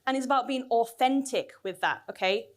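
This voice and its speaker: With a voice on the high side and fading, a woman speaks a little fast during a lively conference lightning talk on a cinema stage. She chats easily and asks the audience questions as she goes.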